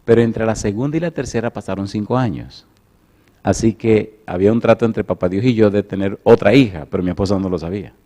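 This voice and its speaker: Middle-aged male preacher, lowish voice, animated sermon storytelling with loud peaks and quiet asides. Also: fairly quick. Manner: animated, swings from loud emphatic lines to soft storytelling.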